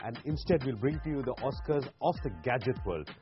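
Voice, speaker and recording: A man's voice: mid-range voice, expressive, brisk. A man co-hosting a TV show, joking playfully with his co-host. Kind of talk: casual bantering co-hosting. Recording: dull lo-fi TV audio with music.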